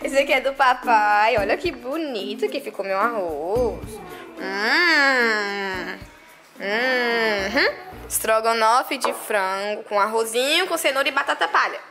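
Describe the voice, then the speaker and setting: A woman's voice: a little high, lively intonation, takes it slowly. Female family vlogger, cheerful sing-song delivery, bouncy wide-ranging voice. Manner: cheerful, doting sing-song with pets and child. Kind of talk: casual vlog narration. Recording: music playing under the voice.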